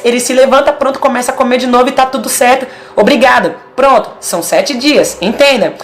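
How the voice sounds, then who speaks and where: A woman with a Brazilian Portuguese accent giving a casual video sermon, emphatic and stacking short repeated phrases. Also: sits high.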